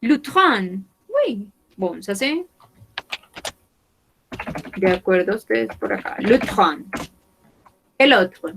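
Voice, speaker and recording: Slow, careful female French teacher. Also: mid-range voice, animated, creaky, a bit bright, a little hiss or hum, low-quality recording. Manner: slow, careful, repeats words for learners. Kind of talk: online language lesson.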